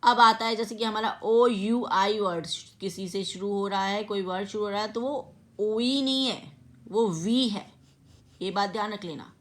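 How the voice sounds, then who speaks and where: A woman teaches a grammar lesson at a middle pitch. She explains patiently and spells words out letter by letter. She often stops to make sure her students have followed. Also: a little slow, fairly bright tone. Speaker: English teacher.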